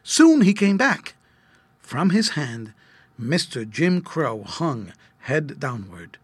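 Man reading a kids storybook, husky and bright, real dry sound. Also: a little high, takes it slowly, no echo. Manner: expressive, lively read-aloud. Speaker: narrator. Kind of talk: scripted storybook narration.

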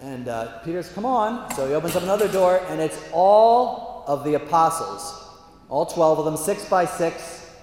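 A man telling a long joke to an audience, animated and acting out the scenes with chuckling asides. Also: fairly high pitch, normal speed. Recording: echoey hall with faint ambience.

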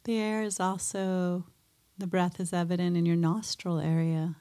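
A woman guiding a mindfulness meditation in a soft, gentle way, pausing often between phrases. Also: lowish voice, flat delivery. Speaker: meditation teacher.

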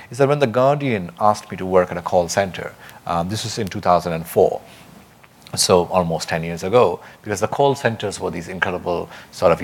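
A man with a fairly low voice and a posh, educated Indian accent. He talks conversationally and at length as a guest author, articulate and discursive, often restarting a thought to rephrase it. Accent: educated Indian English. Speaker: author and journalist being interviewed. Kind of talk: conversational discussion at a book talk.

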